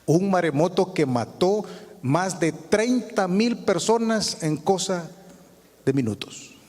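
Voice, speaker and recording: A man's voice: sits high, animated, slow pace, darkish tone. A male pastor preaching a sermon, asking the congregation rhetorical questions. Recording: long hall reverb.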